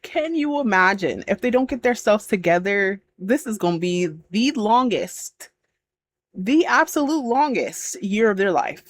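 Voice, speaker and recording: A woman's voice: medium pitch, expressive, unhurried. A woman hosting a reaction video, chatting casually, exclaiming and laughing often as she reacts.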